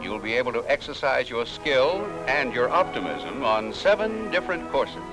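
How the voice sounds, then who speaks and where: Lively vintage newsreel narrator, man. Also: mid-range voice, moderate pace, poor audio. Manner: upbeat promotional tone. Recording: narration over loud music.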